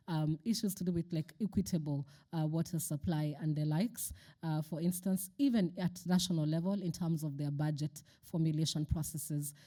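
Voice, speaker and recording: A woman moderating a conference panel, measured and sometimes searching for words. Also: deep voice, warm tone.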